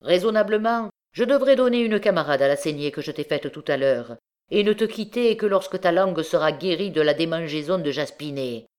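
A woman's voice: low-pitched, expressive, a little fast, a little mellow. A woman reading an audiobook, voicing a sly, mocking old male beggar turned bandit.

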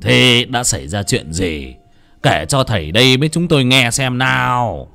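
A man's voice: sits low, steady tone, voice pushed down. Man playing an old, soothing village elder. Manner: firm, soothing, measured.

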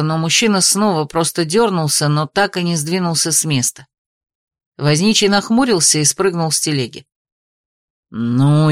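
A woman narrating a novel in a measured, even storytelling voice. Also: medium pitch, dry recording, clean studio sound. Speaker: audiobook narrator. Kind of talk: scripted narration.

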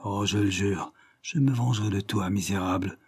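Scheming busybody woman, read by a male narrator, whining and hushed, husky. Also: mid-range voice, normal speed, no echo, studio quality, natural voice. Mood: vengeful. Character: sly spiteful scheming woman, feigning innocence.

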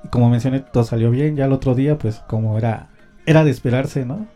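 A man's voice: mid-range voice, fast talker, mellow, soft background music. A Mexican man hosting a homemade radio show, telling a personal story in a rambling, slangy way full of fillers. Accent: Mexican Spanish. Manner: slangy, rambling, many fillers and tag questions. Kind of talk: casual storytelling monologue.

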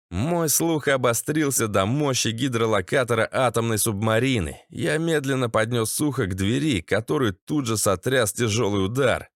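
A man's voice: mid-range voice, no echo, studio quality. A man narrating a gritty first-person audiobook in a tense, sardonic manner.

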